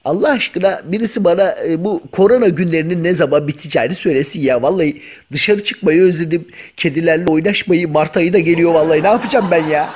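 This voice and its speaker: Man dubbing a talking house cat, high-pitched, cheeky, exclamation-heavy, comic pet video. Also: fast talker, hardly any pauses, a little mellow, slightly rough. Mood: grumbling. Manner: colloquial, joking, full of exclamations. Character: chatty male house cat, cheeky and grumbling.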